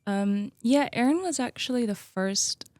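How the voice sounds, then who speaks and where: A woman's voice: on the high side, measured pace, dry recording, studio quality. A woman in her thirties, a guest on a podcast, talking casually and easily with plenty of "like" and "um" fillers. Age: 30s. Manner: chatty, relaxed, many likes and ums. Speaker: podcast guest, gym co-owner. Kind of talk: casual conversational interview.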